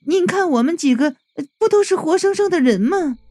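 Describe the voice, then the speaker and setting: A man's voice: very high-pitched, animated, moderate pace, a little mellow, pitched above the performer's own voice. A man doing a stammering frightened young woman. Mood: scared. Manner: stammering, forced cheerfulness.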